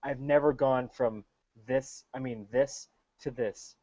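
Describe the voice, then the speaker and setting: A man's voice: medium pitch, steady tone, takes it slowly, mellow, no echo. A man hosting a casual sports chat, enthusiastic and swearing freely. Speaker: podcast host. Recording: dull lo-fi audio.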